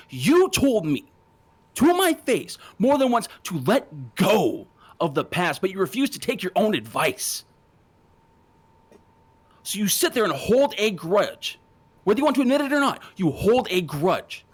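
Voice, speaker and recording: Man, wrestling promo, lively pitch, mocking, confrontational. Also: slightly rough. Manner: taunting, confrontational, profane. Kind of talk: in-ring promo argument.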